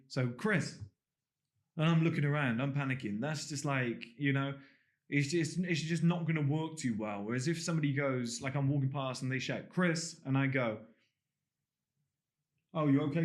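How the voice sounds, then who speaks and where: A man teaching body language in a casual spoken lesson, blunt and swearing freely, acting out little everyday scenes. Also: mid-range voice.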